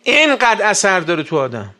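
A man preaching a sermon to a religious gathering, asking rhetorical questions and rising sharply in pitch and volume. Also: huge pitch swings, faint music behind. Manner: rhetorical questions, sudden loud rises in pitch.

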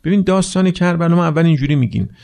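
A man preaching a religious sermon, retelling a story and explaining it, often putting rhetorical questions to his listeners and dropping to a hushed, slow voice for solemn parts. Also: on the high side, vocal fry.

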